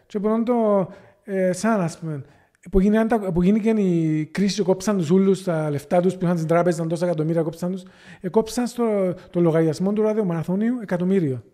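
A man with a Cypriot Greek accent talks as a podcast guest, earnest and impassioned. His voice sits high but sounds soft and mellow rather than bright. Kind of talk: casual podcast conversation.

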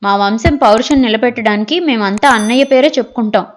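A woman voicing a scheming, sharp-tongued younger sister who argues indignantly in a storybook reading. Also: fairly quick, natural voice. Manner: shrill and indignant.

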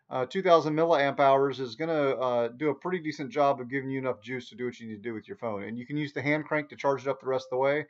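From a small room in his home, a video host in his forties talks to camera, giving an unscripted, folksy, easygoing product review. The recording comes across muffled, dull and low-fi.

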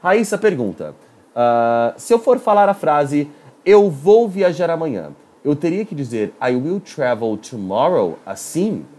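Lively Brazilian man teaching English. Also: a little high, unhurried. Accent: Brazilian Portuguese. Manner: lively, animated, chatty with viewers. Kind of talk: live online English lesson.

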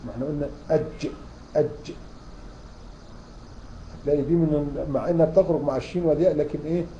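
A man with an Egyptian accent gives a tajweed lesson at a quick clip in a very dark, mellow voice. He keeps prompting his listeners with questions and repeats the key terms. The recording is muffled and lo-fi, with a faint hiss behind him. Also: on the high side. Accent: Egyptian Arabic. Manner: explains in a questioning, repeating style. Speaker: Quran recitation teacher. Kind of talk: online tajweed lecture.

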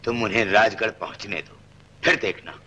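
A man's voice: on the low side, normal speed, sharp tone, big-room sound, slight background noise. An actor playing a stern, commanding male police superintendent in a 1960s film.

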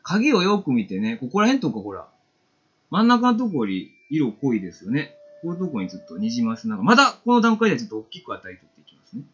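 A man's voice: medium pitch, wildly swooping pitch, quick pace, husky, lo-fi sound. A man with a Kansai accent giving a casual, chatty watercolor painting demo on a live stream, reading viewer comments aloud.

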